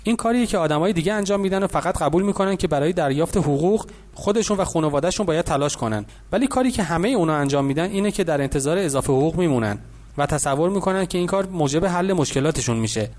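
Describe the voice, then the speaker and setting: A man voicing a wealthy older businessman who calmly lectures a boy in an audiobook. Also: on the high side, close to an everyday voice. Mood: lecturing. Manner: patient, instructive.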